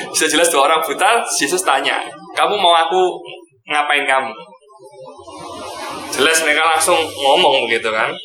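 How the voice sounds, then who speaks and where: A man giving a relaxed Bible lesson, often tagging his sentences with a short filler. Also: a little high. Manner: relaxed, repeats "gitu ya" often. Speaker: Bible teacher. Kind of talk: casual Bible teaching. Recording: echoey room with music behind.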